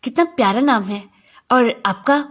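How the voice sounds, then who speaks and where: A woman reading a sweet playful young woman. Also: fairly high pitch. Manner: gentle and playful.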